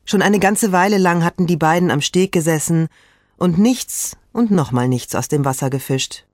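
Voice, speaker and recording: A storyteller reading a children's story aloud in a lively, expressive way, slowing down for emphasis. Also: mid-range voice, no echo, studio quality. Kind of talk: scripted children's story narration.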